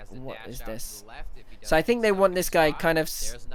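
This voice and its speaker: A man on a livestream, speaking into a headset mic with a slightly high voice. He breaks down the match in a fast, excitable run of thoughts. He often stumbles and restarts his sentences as he goes. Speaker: streamer analyzing an esports match. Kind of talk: casual live analysis commentary.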